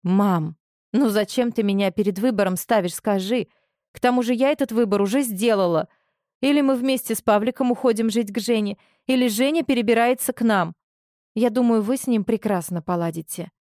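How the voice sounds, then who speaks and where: A woman's voice: a little high, a little fast, a little mellow, no room sound, close to an everyday voice. A woman reading as a grown daughter, earnest and firm, speaking in close to the reader's own plain voice. The recording is dry and close. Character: grown daughter, young woman, newly defiant.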